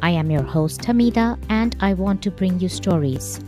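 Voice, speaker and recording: A woman hosting a podcast, speaking in a measured, deliberate way and slowing down to stress key words. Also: lowish voice, animated, mellow, faint music behind. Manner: measured, deliberate delivery with slowed emphasis. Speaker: podcast host. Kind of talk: scripted podcast introduction and interview. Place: currently in India.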